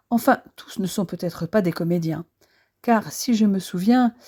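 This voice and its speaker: A woman narrating a first-person historical novel as an audiobook, in a calm, even storytelling manner. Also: mid-range voice.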